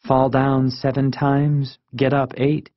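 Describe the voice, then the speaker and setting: A man reading an audiobook, voicing a gentle, apologetic mother who speaks softly and hushed. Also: medium pitch, little pitch movement, takes it slowly, no room sound, pitched above the performer's own voice, lightly acted. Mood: tender. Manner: soft and hushed. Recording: dull lo-fi audiobook recording.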